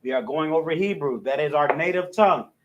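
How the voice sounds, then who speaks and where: Over dull audio, a man with a somewhat high voice runs a language class, spelling out an alphabet letter by letter. His speech is hesitant, broken by repeated restarts and filler words.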